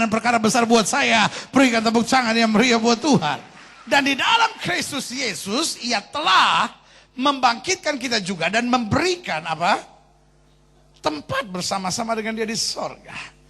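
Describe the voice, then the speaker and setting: Man, pastor, sermon, animated, bright, husky. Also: very high-pitched. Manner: animated, joking, call-and-response preaching.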